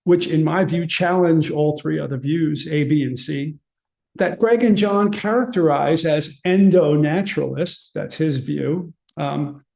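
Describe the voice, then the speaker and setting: A man presenting at a conference, reading a prepared paper aloud in an earnest, measured way. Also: fairly high pitch, creaky, darkish tone.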